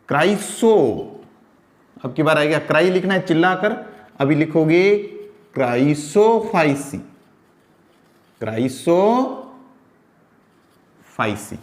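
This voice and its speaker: A man teaches a science class. His voice sits a little high and his pace is slow and deliberate. He asks questions and answers them himself, and spells terms out as he writes. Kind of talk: classroom lecture.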